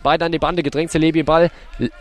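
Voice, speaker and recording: A man with a high voice commentates live on a football match. He describes each move in detail, in short clipped play-by-play phrases. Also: level tone, fast talker. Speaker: sports commentator.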